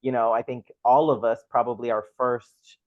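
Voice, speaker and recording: A man's voice: medium pitch, steady tone, moderate pace, no room sound. A man hosting a podcast interview, asking questions and affirming his guest. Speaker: podcast host. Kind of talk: conversational interview. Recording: dry, slightly dull sound.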